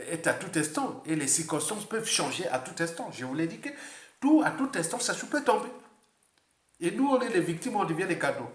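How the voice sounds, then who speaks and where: Male political commentator, Congolese French accent, animated and repetitive, slightly high-pitched, roomy echo. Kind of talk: unscripted political monologue.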